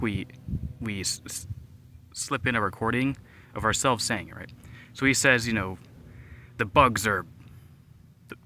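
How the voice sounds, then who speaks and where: A young man explains things in a loose, rambling way, tossing in "like" and "right?" as he goes. His voice sits fairly low but comes across sharp and forceful. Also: slight background noise. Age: young adult. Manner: rambling, many fillers and "right?" tags. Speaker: podcast host. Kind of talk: casual explanatory monologue.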